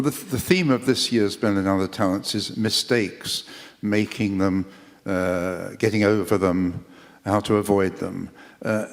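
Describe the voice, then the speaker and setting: A man interviewing on stage, asking long, measured questions with fillers. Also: sits low. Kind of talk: onstage interview. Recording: echoey hall.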